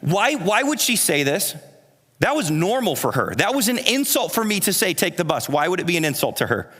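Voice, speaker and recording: A man's voice: high-pitched, big pitch swings, brisk, fairly bright tone, husky. Earnest preaching man in a reverberant hall. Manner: earnest, conversational preaching with rhetorical repetition. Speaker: pastor. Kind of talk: sermon. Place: church sanctuary.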